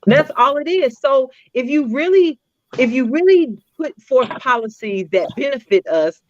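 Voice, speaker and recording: A woman co-hosting a casual political discussion show, laying out her arguments in a deliberate, opinionated way. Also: high-pitched, animated, highs cut off, slight background noise. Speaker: podcast co-host.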